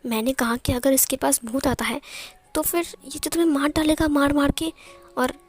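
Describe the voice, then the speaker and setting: A bossy, worried mother who keeps scolding and hushing, as a woman puts her on. Her voice runs fairly high, with faint background music. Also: fairly even intonation, normal speed, natural voice.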